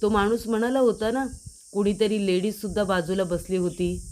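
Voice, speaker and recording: A woman's voice: mid-range voice, fairly even intonation, moderate pace, a little mellow, close to an everyday voice. A woman voicing a sly, scheming aunt who hints at suspicions in a retold TV drama. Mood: suspicious. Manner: suspicious, insinuating.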